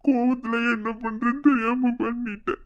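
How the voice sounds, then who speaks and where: Woman playing a young cartoon husband, tearful, pleading, slightly high voice, dull lo-fi sound. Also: level tone, normal speed, lightly acted. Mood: remorseful. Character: young husband, remorseful after drinking. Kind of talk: cartoon voice acting.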